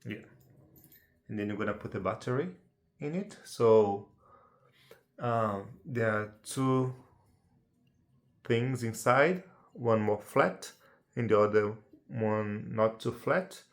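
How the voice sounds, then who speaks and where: Here a Brazilian man gives an unedited, casual how-to walkthrough in English, his second language, with a Brazilian Portuguese accent. His voice sits on the low side and moves at a slow pace with long pauses, captured in a reverberant space. A chatty amateur presenter, he checks in through tag questions like "right?" and "yeah?"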